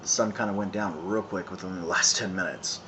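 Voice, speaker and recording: A vlogger in his thirties from San Francisco, California, smokes outdoors in town one evening while rambling casually to his phone camera. His low-pitched voice keeps a fairly even intonation, and his conversational delivery is halting, full of ums, pauses and restarts. The phone video has clearly audible background noise.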